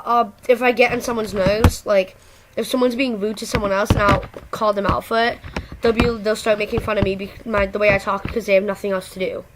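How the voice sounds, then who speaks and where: A woman's voice: mid-range voice, slight background noise, rough recording. A teenage girl talking casually and candidly to camera in a rambling, slangy way, with a speech impediment that turns her r sounds into w. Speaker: video blogger. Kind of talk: casual personal talk to camera.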